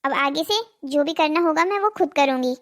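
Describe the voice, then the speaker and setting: A woman's voice: high voice, normal speed, a bit bright. A woman voicing a greedy, nagging village wife in a cartoon drama, scolding and pleading. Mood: complaining.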